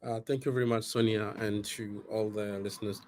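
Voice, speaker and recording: A man from South Africa speaking as a guest on a video call. His audio glitches and breaks up, and his speech comes out halting and fragmented. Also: on the low side, little pitch movement, a little mellow, a little hiss or hum.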